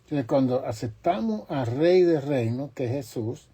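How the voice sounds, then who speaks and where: Slow, husky-voiced man preaching a sermon. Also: medium pitch, animated. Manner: slow, emphatic preaching with long pauses and rising, forceful quotes. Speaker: pastor.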